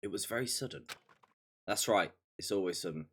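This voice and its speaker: Here a game streamer reads visual-novel dialogue aloud with flair, breaking off for incredulous quips over the game's music. His low-pitched voice moves a little fast, and there's heavy background noise.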